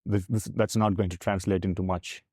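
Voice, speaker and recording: A man from Tamil Nadu, South India, whose first language is Tamil, speaks with a South Indian accent in a candid, explanatory podcast conversation. His low, level voice is fairly quick and a little mellow, explaining earnestly, and the recording is dry and studio quality.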